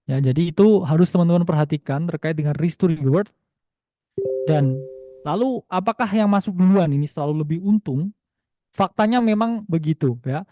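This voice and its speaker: Dry, mellow-voiced man teaching a webinar. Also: sits high, no echo. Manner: chatty, repeats "ya", mixes in English phrases. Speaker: crypto trading webinar presenter. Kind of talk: casual spoken webinar lesson.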